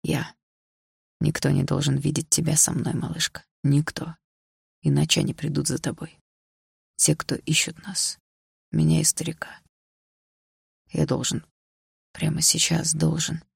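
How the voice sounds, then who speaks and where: A woman voicing a troubled, protective young man in an audiobook, speaking hushed and urgent. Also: low voice, flat delivery, unhurried, gravelly, pauses often, slightly rough, no echo, clean studio sound, exaggerated voice.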